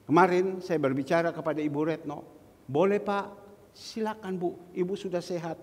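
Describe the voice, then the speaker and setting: A man preaching a sermon as pastor, speaking straight to his congregation and reading scripture verses slowly. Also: fairly high pitch, darkish tone. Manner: addresses the congregation directly, quotes scripture slowly. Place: church hall. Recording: long church hall reverb.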